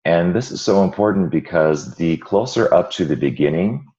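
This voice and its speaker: A man hosting an informal online tutorial, explaining in a halting way with a hoarse, croaky frog voice from a cold. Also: deep voice, expressive, dark tone, muffled recording. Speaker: webinar host and instructor. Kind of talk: informal screen-share tutorial.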